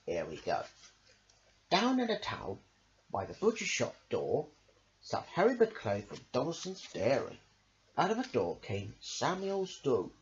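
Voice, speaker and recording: The man reading these rhyming children's stories has a mid-range voice and an unhurried pace, with huge swings in pitch. An amateur storybook reader, he reads in a rhythmic sing-song, drawing out phrase endings. Sound quality is dull and lo-fi, carrying faint noise.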